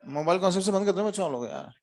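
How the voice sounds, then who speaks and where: A man's voice: high voice, sing-song, racing, gravelly, darkish tone. A man teaching a physics class to students, questioning them often and mixing in English terms. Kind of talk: classroom lecture.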